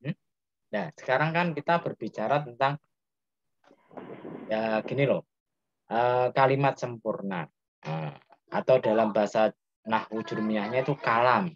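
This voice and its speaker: A man's voice: medium pitch, a little slow, long pauses, dry recording, highs cut off. A man with a Javanese accent teaching a class and quizzing his students as he explains. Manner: asks students questions, explains step by step. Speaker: Islamic grammar teacher. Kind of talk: interactive classroom lesson.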